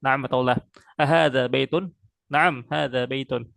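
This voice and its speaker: A man's voice: mid-range voice, fairly even intonation, creaky, fairly bright tone, no room sound. Man, Arabic tutor, patient drilling, dry close sound. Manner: patient, slow drilling with frequent pious interjections. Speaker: Arabic teacher. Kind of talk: online one-on-one language lesson.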